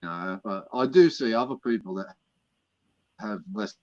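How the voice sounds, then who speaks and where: A man joining a live stream over a bad call connection that breaks up and sounds quiet, talking in a hesitant, halting way with fillers. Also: on the low side, no room sound. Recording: dull, lo-fi remote call audio.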